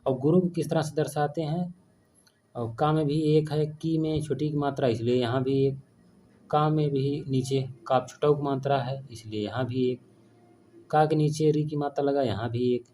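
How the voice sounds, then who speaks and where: Man teaching grammar, dark mellow voice. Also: medium pitch, fairly even intonation, moderate pace, a little hiss or hum. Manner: explanatory, asks and answers his own questions. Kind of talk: online grammar lesson.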